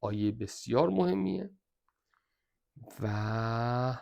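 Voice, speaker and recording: A man's voice: medium pitch, animated, gravelly, a little mellow. A man with an Iranian Persian accent teaching an exam review lesson, emphatically repeating which points are very important.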